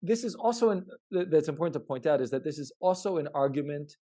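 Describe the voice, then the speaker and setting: On a podcast, a man with a fairly high, mellow, expressive voice discusses his research. He speaks haltingly and repetitively, stressing points often and checking in with his listener.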